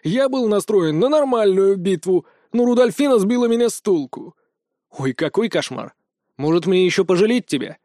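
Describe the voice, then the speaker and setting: A man voicing a sarcastic, whiny ancient male trickster god with a shrill, theatrical manner. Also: animated, normal speed, dark tone, dry recording, clean studio sound.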